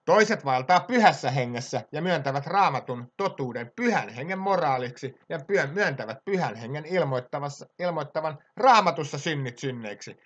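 Preacher guy giving a fired-up sermon, kinda high voice that jumps all over. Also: highs cut off. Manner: impassioned, swings between loud exhortation and quiet asides.

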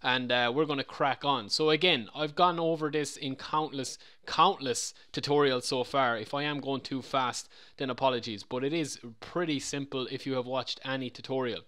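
A man's voice: mid-range voice, steady tone, normal speed, hardly any pauses, bright, forceful tone, clear, resonant tone. A man talking casually through a screen-recorded game tutorial, chatty and a little rambling. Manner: chatty, loose, repeats himself. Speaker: game modding tutorial presenter.

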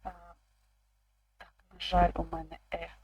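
Woman language teacher, calm and patient, slow deliberate delivery, dark mellow tone. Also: on the low side, low-quality recording. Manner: calm, slow, repeats words aloud. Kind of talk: slow explanatory online lesson.

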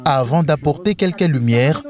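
A man reporting on a church convention in a formal, measured news voice-over, with some fillers in the live parts. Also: a little high, animated, darkish tone.

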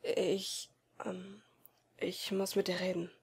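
A caring teenage boy speaks softly and falters as he hunts for words, read by a woman in a storybook audiobook. His voice stays low and uncertain, full of concern for his friend. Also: fairly even intonation, normal speed, lightly acted. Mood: hesitant. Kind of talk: amateur audiobook reading.

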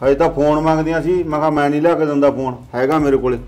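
A middle-aged man, playing a gruff, dismissive father in a family drama series. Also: a little high, little pitch movement, very fast, darkish tone, natural voice. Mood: grumbling. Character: harsh controlling village father. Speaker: father of the household.

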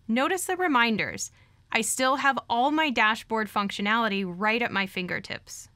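A woman narrating a scripted software product walkthrough in an even, clear instructional manner. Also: mid-range voice, dry recording. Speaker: software demo presenter.

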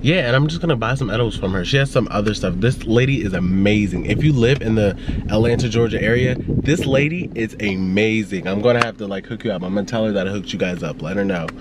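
Chatty young man with a lowish voice. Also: fast talker, noisy background. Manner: rambling, chatty storytelling with frequent "like". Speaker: vlogger. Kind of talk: casual vlog chat. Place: in his car, then at home.

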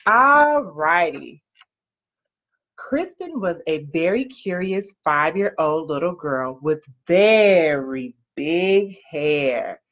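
Very slow and expressive, this woman's low-leaning, fairly bright voice carries a children's story read from a couch in a small living room. In a parent-like manner she draws out key words and asks young listeners questions, and the arm's-length webcam or laptop mic makes everything sound muffled and lo-fi.

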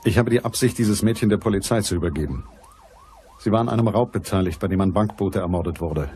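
Playing the narrator and lead detective in a scripted first-person crime radio play, an actor delivers fast, terse, matter-of-fact narration in a low, dark male voice, lightly acted over a slight hiss or hum. The character is a hard-boiled, unsentimental private eye, cool and watchful, and the mood is tense and controlled.

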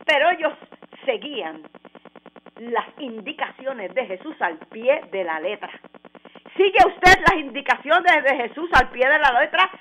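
A woman's voice: high voice, animated, a little slow, bright, forceful tone, a little hiss or hum, low-quality recording. A woman preacher delivering a fervent sermon, firing rhetorical questions at her listeners and calling out hallelujah.

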